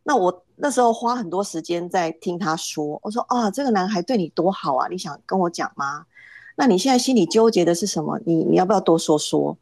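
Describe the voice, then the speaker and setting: A woman's voice: fairly low pitch, expressive, a little fast, a little mellow, no echo. A middle-aged woman, a podcast guest telling a family story casually, hesitant, often repeating words as she starts.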